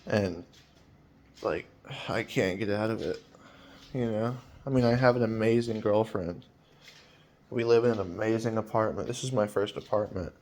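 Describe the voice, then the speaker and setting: Weary, rambling young man, lowish voice. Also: moderate pace, long pauses, a little mellow. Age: 20s. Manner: hesitant, rambling, many fillers and trailing off; weary, anxious. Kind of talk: personal vlog monologue.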